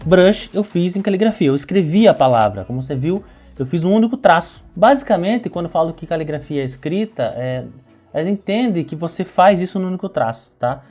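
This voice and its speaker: Fast-talking Brazilian man teaching lettering. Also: high-pitched, lively intonation, darkish tone, soft background music. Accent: Brazilian Portuguese. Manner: explains while writing, keeps checking in with "tá?" and "né?". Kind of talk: tutorial explaining while demonstrating.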